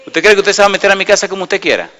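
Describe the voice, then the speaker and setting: A middle-aged man preaching a sermon, his voice pitched a little high and ringing bright and forceful. He keeps throwing rhetorical questions at his congregation and tells stories with lively energy. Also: very fast. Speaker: pastor.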